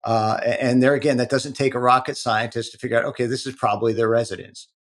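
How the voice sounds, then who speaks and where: A man speaking as a guest in an interview, explaining in an earnest, halting way with many repeated words. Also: mid-range voice, steady tone. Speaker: protective intelligence executive, guest. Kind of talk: conversational interview talk.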